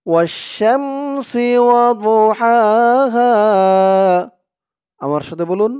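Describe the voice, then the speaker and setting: A man with a high, smooth, clear voice teaches recitation in a spoken lesson. He spells words out letter by letter and draws out the long vowels. The sound is dry and close, with no room echo. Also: a little mellow.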